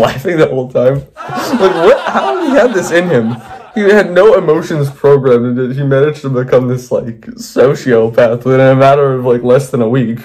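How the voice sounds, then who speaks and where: A man's voice: mid-range voice, a little mellow, slight background noise. A man reading his old fan fiction aloud with wry, self-mocking asides. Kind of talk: comedic reading with commentary.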